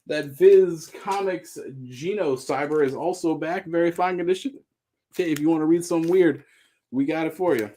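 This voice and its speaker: This is a man hosting a live sale stream, talking fast and breezy in an upbeat pitchman style. His voice sits a touch higher than most men's, and he keeps the patter light and joking as he moves through each item. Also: mellow, slight background noise. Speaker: host selling comics on a live stream. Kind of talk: live sales chat.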